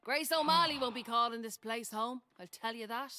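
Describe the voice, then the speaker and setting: A woman's voice: a little high, moderate pace, pushed and bright, soft background music. An actress voicing a brash, roguish Irish woman in a video game, speaking in a breezy, sardonic way with an Irish accent. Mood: wry. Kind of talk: video game character dialogue.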